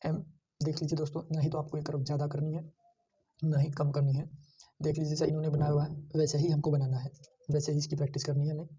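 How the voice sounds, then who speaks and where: A man teaching shorthand, slowly repeating each sound and pointing out how every stroke is drawn. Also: on the high side, monotone, mellow, breathy edge, recorded from a distance. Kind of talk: screen-share lesson.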